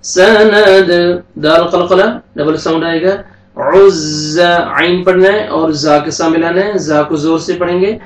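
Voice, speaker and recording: A man with a Pakistani Urdu accent teaching a tajweed lesson, slowly chanting verses and then quickly explaining the rules in a soft voice. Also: a little high, steady tone, recorded from a distance. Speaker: Quran teacher. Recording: echoey room, voice a bit off-mic.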